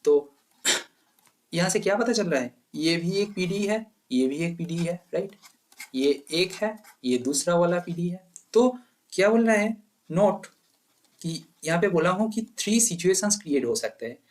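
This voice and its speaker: Lecturing exam students on maths, a man with a high, animated voice talks at normal speed, posing questions and answering them himself. He sprinkles English terms throughout.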